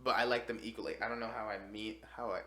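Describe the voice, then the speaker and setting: A man's voice: on the low side, fairly even intonation, very fast, sharp tone, reverberant. A young man co-hosting a podcast, chatting casually and slangily with friends. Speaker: podcast co-host.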